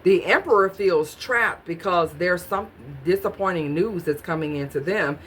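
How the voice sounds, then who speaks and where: This tarot reader has a lowish voice and talks at normal speed, with slight background noise. During her casual reading she ponders aloud, asking the cards questions as she draws them and chatting to herself.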